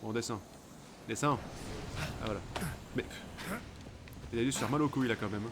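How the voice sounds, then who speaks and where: A man giving excited, profane commentary while playing a video game, swinging from mumbles to shouts. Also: mid-range voice, moderate pace, very noisy. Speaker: let's play gamer. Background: game music.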